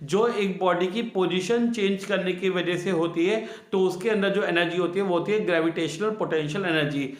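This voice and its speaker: Male physics tutor, fairly high voice, on terms, quizzing and repeating answers, echoey room. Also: normal speed, hardly any pauses. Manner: repeats each key answer twice, asks the students questions. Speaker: science teacher. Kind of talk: classroom physics lesson.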